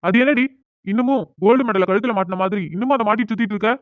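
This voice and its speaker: A man voicing a proud, quick-tempered young man in a cartoon drama, arguing bluntly. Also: high-pitched, dry recording, natural voice. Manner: argues fast and bluntly. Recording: tinny phone-like sound.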